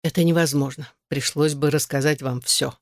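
A reader of an audiobook voicing a weary, gently ironic immortal man who speaks softly and sounds worn out. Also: mid-range voice, steady tone, normal speed, no room sound, clean studio sound, natural voice. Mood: weary, resigned.

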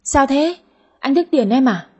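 A woman voicing a greedy, sulky daughter in her thirties with a high, whiny voice in an audio story. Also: lively intonation, measured pace, lo-fi sound. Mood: coaxing. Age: 30s. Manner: whiny, cheeky.

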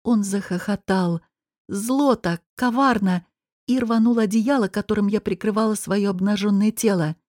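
A woman narrating a first-person audiobook in an even, measured way. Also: mid-range voice, no echo, studio quality.

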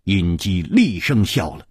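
A male storyteller with a husky voice, narrating a martial arts tale dramatically in a studio. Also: fairly high pitch, no echo. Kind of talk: traditional storytelling broadcast.

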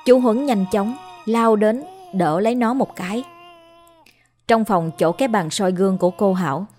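A woman reading a ghost story aloud as a storyteller in steady scripted narration. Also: mid-range voice, moderate pace. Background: faint music.

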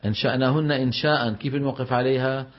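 A middle-aged man with a Levantine Arabic accent lectures a class on recitation at a middle pitch. He quizzes his students and then answers himself, drawing each example word out slowly. The recording sounds slightly dull and lo-fi. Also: fairly even intonation. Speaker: Quran recitation teacher.

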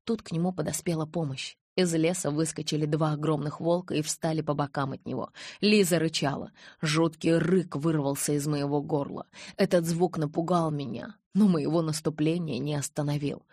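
A woman narrating a novel in an expressive, intense first-person reading. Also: deep voice, moderate pace, no room sound, studio quality. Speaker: audiobook narrator. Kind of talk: dramatic audiobook reading.

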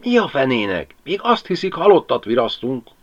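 A man voicing a gruff, cocky married village man in a lo-fi audiobook reading. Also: medium pitch, sing-song, voice pushed up.

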